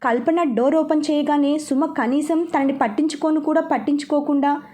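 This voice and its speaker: A woman reading aloud a serialized novel as storyteller, steady and expressive. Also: high voice, moderate pace. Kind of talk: scripted narration of a serialized novel.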